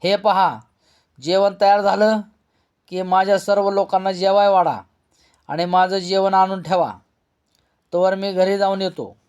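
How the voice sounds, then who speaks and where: A stern young police officer from a storybook, earnest and probing, as a male narrator reads him. The voice sits fairly high and is kept close to the reader's own plain tone. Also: steady tone, measured pace, long pauses, a little mellow, clear, resonant tone, dull audio.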